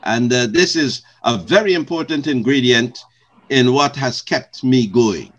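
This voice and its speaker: An older man from Guyana, a retired pastor, answering interview questions in slow, measured, formal phrasing. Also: mid-range voice, a bit bright.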